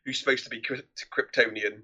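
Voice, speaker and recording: A man with a bright, forward voice chats through favourite films with a co-host, and his tone stays amused and easygoing. His mic sounds dull and lo-fi, with the top end rolled off. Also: medium pitch, fairly even intonation, brisk, breathy edge. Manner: chatty and amused, laughs often. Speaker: podcast co-host. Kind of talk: casual film review chat.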